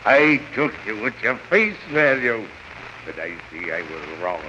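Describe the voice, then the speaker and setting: A man's voice: on the low side, big pitch swings, unhurried. An actor playing a mighty, gloating, lecherous king in a 1930s radio serial, with a pompous manner. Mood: leering amusement. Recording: muffled, very noisy old radio recording.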